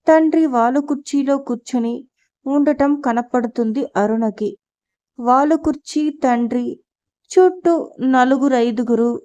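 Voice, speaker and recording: A woman reads a novel aloud as an audiobook narrator, in a steady and measured way. Her voice sits high, and the recording sounds a little dull and muffled.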